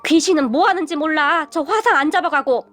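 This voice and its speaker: A woman's voice: high-pitched, a little fast, a bit bright, faint music behind. A woman voicing a stern elderly father-in-law who gives firm commands. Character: stern elderly father-in-law, slow to anger but fearsome.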